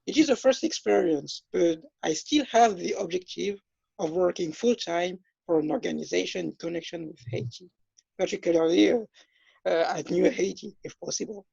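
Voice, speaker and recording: Man, twenties, from France, hesitant speech, fillers, husky, lo-fi dull audio. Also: sits high, moderate pace, a little mellow, dry recording. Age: 20s. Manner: hesitant, many fillers and restarts. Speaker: interview guest. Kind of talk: self-introduction in an interview. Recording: dull, lo-fi dry sound.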